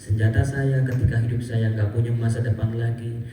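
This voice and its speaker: Animated priest in a booming hall. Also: male voice, brisk, slight background noise. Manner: animated, self-mocking, acts out quoted voices with high sing-song pitch. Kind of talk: storytelling sermon. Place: large echoey hall with audience. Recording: reverberant hall, voice far from mic.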